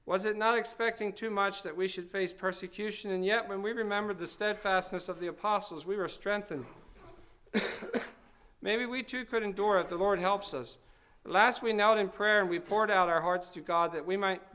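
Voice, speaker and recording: Clear, high-voiced man reading a story. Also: a bit bright. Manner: measured, earnest storytelling.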